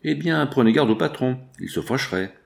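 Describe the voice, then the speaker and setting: A man's voice: mid-range voice, animated, a little fast, vocal fry, pitched above the performer's own voice. A man reading an audiobook voices a passionate, brooding factory foreman who pleads insistently. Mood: warning. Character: passionate working-class foreman, brooding and intense.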